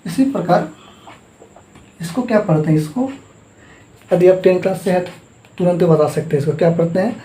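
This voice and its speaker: Speaking a little fast with long pauses, a man with a high, dark-toned voice and lively intonation runs a call-and-response math drill. He says each term and asks the class to repeat it, all in an echoey room.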